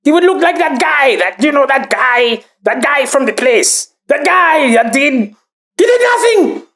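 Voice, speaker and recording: A woman playing a vain, boastful talking mustache that belongs to a politician, ranting in grandiose bursts with sudden shouts in a comedy sketch. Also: sits high, big pitch swings, a little slow, heavily acted.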